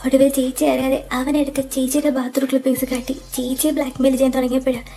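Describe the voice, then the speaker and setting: A tearful young college woman, loyal to her sister, played by a woman. She has a high, mellow voice. She speaks softly and hesitantly in a fan audio drama. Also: monotone, very fast, soft background music. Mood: grave telling.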